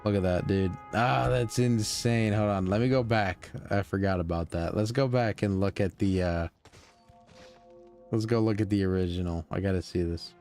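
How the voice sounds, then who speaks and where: A young man with a very low voice, streaming a game live and chatting in a loose, rambling way. He sounds tired, and faint game music plays behind him. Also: moderate pace, a little mellow. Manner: rambling, laid-back, lots of fillers. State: tired, yawning. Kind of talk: casual live-stream commentary.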